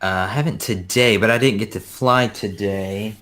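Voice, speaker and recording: A man's voice: on the low side, normal speed, a bit bright. A man joining a live stream as a guest drone pilot, explaining things in a friendly way over a video call, with hesitant uhs. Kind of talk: casual video-call chat.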